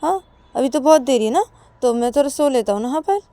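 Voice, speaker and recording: A woman's voice: on the high side, moderate pace, warm tone, close to an everyday voice. A woman voicing Ananya, a protective young woman who coaxes and scolds insistently in a storybook tale. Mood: coaxing.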